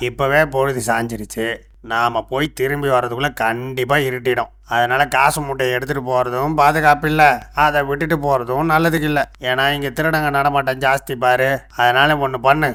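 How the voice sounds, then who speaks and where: A man voicing a scheming old sage from a cartoon, easily tricked and quick to cry out. He speaks with a Tamil accent. The voice is bright and forward. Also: medium pitch, smooth, natural voice. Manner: exclaims and grumbles, often loud cries. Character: scheming older male sage, easily fooled, loud. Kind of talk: cartoon dubbing.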